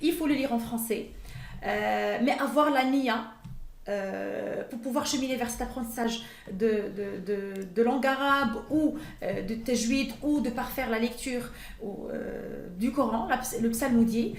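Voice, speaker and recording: Speaking in a casual interview in a room with echo, a female Quran teacher, Arabic being her native tongue, sounds hesitant, often restarting and using fillers. Her voice is a little high and gravelly.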